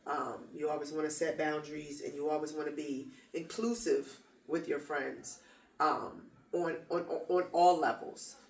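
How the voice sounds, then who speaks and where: A woman makes her points with emphatic repetition in a relaxed chat. Her voice sounds distant from the mic and bounces around a roomy space. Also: low voice, moderate pace. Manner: emphatic, repeats phrases for stress. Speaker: podcast co-host. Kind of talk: casual advice chat. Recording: echoey room, mic at a distance.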